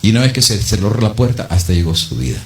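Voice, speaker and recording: A male preacher in a church delivers a sermon, firing off rhetorical questions. His voice swings from low, slow warnings up to sharp, high-pitched peaks. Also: big pitch swings.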